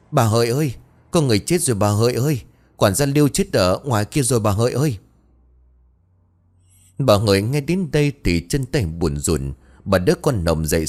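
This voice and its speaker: A man's voice: deep voice, darkish tone. A man narrating a scripted horror story as a storyteller, lifting his voice when the frightened figures cry out.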